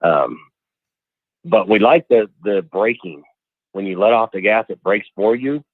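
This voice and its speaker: Male radio caller, chatty and eager, coming through a thin phone line, lowish voice. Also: expressive, a little slow, dry recording. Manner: chatty, enthusiastic. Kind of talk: casual call-in chat.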